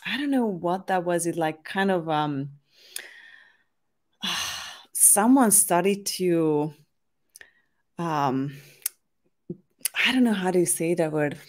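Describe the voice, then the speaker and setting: A woman's voice: fairly low pitch, lively intonation, slow, pauses often. A woman from Hungary hosting a casual chat, speaking hesitantly and searching for words. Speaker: host.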